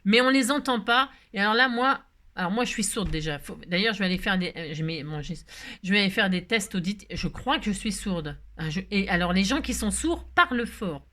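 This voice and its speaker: A middle-aged woman hosting a chatty crafting tutorial, talking loudly and joking with her viewers as she works. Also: mid-range voice, animated, a little fast. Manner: loud, playful, talks to viewers, jokes.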